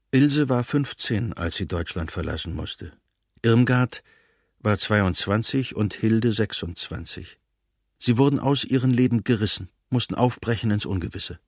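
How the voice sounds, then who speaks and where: A man calmly reading an excerpt from his family memoir. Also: lowish voice, dry recording, clean studio sound.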